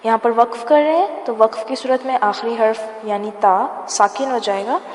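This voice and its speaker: A woman teaching a prayer lesson, reciting each phrase slowly and deliberately and repeating it line by line before explaining it. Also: fairly high pitch. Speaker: religious teacher. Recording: echoey room, long reverb, faint music.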